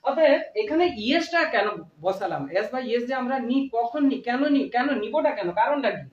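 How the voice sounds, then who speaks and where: A woman teaching a lesson, repeating phrases slowly and asking and answering her own questions. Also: high-pitched, expressive. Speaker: English teacher. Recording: echoey, dull lo-fi room sound.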